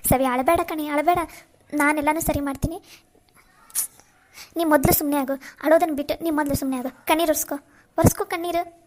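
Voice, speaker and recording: A woman's voice: high-pitched, fairly even intonation, a little fast, pauses often, a little hiss or hum, natural voice. A woman voicing a caring but firm young friend in a cartoon, comforting and lecturing. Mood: probing.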